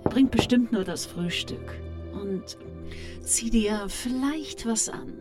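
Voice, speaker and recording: A woman's voice: on the high side, slow pace, music in the background. An actress playing a teasing, self-assured female killer who speaks in a languid, mocking, flirtatious way. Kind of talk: noir audio drama acting.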